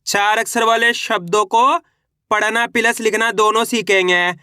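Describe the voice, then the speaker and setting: A man's voice: high-pitched, steady tone, measured pace, sharp tone, clean tone, no echo, studio quality. A man teaching beginners to read, sounding out each syllable and repeating words in an encouraging way. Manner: encouraging, addresses viewers as friends. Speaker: Hindi reading teacher. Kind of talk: online reading lesson.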